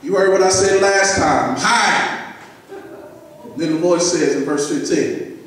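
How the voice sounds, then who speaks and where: High-voiced preacher in an echoey sanctuary. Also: male voice, takes it slowly, fairly bright tone. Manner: call-and-response preaching, repeats phrases for emphasis. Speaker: pastor. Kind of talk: sermon. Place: large church sanctuary. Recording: echoey sanctuary, mic from far off.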